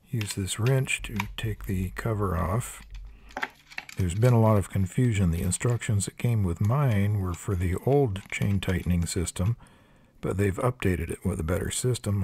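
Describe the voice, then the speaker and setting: A man's voice: low-pitched, background noise. An older man giving a hands-on tool review in a plain-spoken, practical way with dry asides. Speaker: product reviewer. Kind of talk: hands-on product review narration. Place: workshop table.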